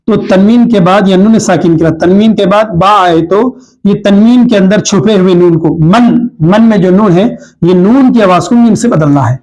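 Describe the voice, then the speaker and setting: A man with a Hyderabadi Urdu accent teaching a tajweed lesson, explaining each rule slowly and repeating the examples. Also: high-pitched, a little mellow, low-quality recording. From India. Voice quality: clears throat now and then. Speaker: Quran recitation teacher.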